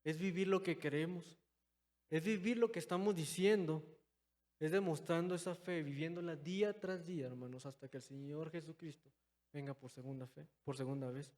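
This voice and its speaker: A young man preaching a sermon in a church, calling his listeners brothers and moving between loud, stressed phrases and quiet, low asides. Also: fairly even intonation, moderate pace. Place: church hall. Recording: long hall reverb.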